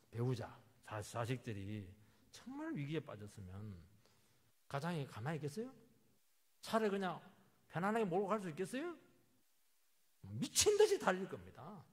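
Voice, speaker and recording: A man's voice: a little high, slightly rough. A male pastor preaching a sermon, telling the story vividly and breaking into sudden emphatic outbursts. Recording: reverberant church hall.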